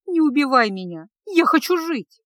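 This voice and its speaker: A woman's voice: high-pitched, very animated, normal speed, fairly bright tone, no room sound, voice pushed up. Woman doing a tearful young witch apprentice. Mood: pleading. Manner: pleading, tearful.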